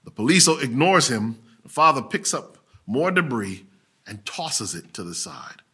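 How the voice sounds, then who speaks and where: A man preaching a sermon, telling a story dramatically, swinging from loud to hushed. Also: mid-range voice, big pitch swings, unhurried, breathy edge.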